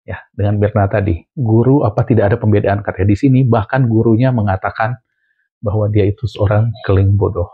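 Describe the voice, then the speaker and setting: Gravelly man with a tinny sound. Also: on the low side, fairly even intonation, a little fast, dry recording. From Indonesia. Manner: emphatic, repeats points. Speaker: vlog host commenting on clips. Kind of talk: commentary on video clips.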